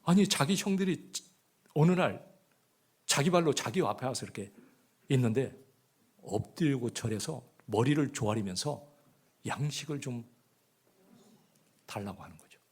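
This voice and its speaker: A man preaching a sermon as pastor, often asking the congregation rhetorical questions, swinging between loud emphasis and hushed asides. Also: mid-range voice, animated, moderate pace, long pauses, slightly rough. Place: church.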